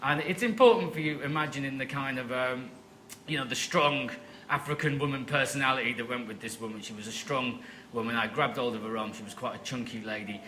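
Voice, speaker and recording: Comedian guest, man, bright voice, wry storytelling on a live stage. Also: medium pitch, fairly quick, a little hiss or hum, poor audio. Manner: wry, self-deprecating anecdotes. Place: live stage show before an audience.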